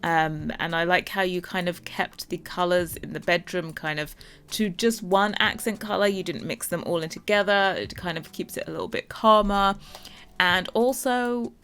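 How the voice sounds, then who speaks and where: A woman's voice: fairly low pitch, normal speed, fairly bright tone, smooth. A woman talking casually and off the cuff to her viewers as a gaming video host, enthusiastic and encouraging. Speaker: video game streamer hosting a build challenge. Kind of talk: casual unscripted chat to viewers. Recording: music behind the voice. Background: music.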